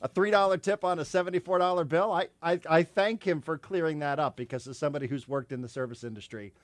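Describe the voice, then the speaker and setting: A man hosting a sports talk radio show from the studio, talking in an animated, rambling way with lots of repeated words. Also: on the high side, quick pace, no room sound. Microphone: studio microphone.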